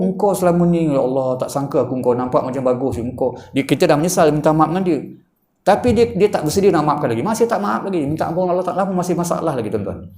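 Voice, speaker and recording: Animated Malaysian Malay preacher, echoey hall. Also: male voice, on the high side. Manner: animated, addresses the congregation again and again, acts out gossip in little voices. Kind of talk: mosque lecture. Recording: echoey room.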